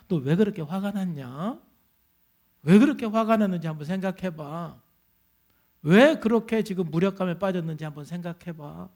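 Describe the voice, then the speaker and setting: A preacher voicing God as a gentle, fatherly questioner. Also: high voice, voice pushed down. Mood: gently questioning. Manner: kindly probing questions, slow and earnest. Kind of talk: sermon quotation.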